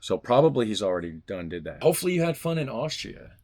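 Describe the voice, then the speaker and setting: Reading a fan letter aloud at home, a vlogger sounds stiff during the passages but jokes around loosely in between. His medium-pitched voice is very animated, quick, and a little mellow.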